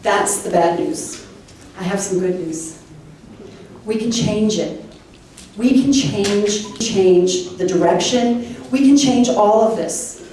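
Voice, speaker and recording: A woman's voice: mid-range voice, lively intonation, slow, dark tone, slight background noise. A woman state representative and former teacher giving a heartfelt, rallying campaign speech. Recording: echoey room from far off.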